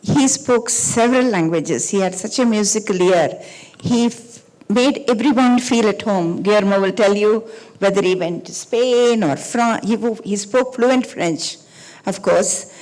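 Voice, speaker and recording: A woman speaking as a panelist in an on-stage conversation, reminiscing in a soft-spoken way that trails off quietly at the ends of phrases. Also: medium pitch, measured pace, low-quality recording. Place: talk venue stage.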